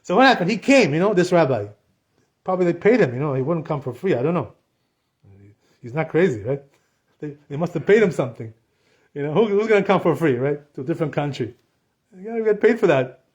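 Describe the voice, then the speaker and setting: Male rabbi, high-pitched, conversational lecture storyteller with rhetorical asides. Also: animated, fast, pauses often, muffled recording. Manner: chatty, asks listeners rhetorical questions.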